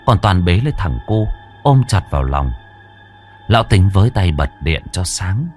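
A man narrating a ghost story with a dramatic, drawn-out delivery. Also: sits low, sing-song, a little mellow, soft background music.

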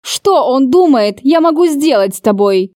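A woman reading an audiobook voices an angry, jealous young man in slow, low, clipped lines, recorded close and dry. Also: expressive, mellow, no room sound. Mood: furious. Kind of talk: audiobook character voicing.

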